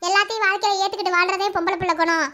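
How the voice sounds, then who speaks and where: A woman's voice: very high-pitched, steady tone, racing, pushed and bright. A woman voicing a motherly middle-aged aunt with a Madurai Tamil accent, lecturing a bride-to-be in a cartoon. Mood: coaxing. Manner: long preachy advice, coaxing questions. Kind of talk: cartoon voice acting.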